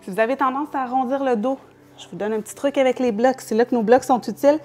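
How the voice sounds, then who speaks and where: A yoga teacher with a Quebec French accent, guiding a class in a fairly high voice. She gives calm, step-by-step instructions and laughs lightly now and then. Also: quick pace.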